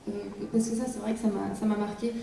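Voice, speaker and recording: A woman's voice: mid-range voice, flat delivery, fast talker, vocal fry, dark tone, soft background music. Woman speaking from far in an echoey hall. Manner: hesitant, many fillers. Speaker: actress guest. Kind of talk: festival panel talk. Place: large hall.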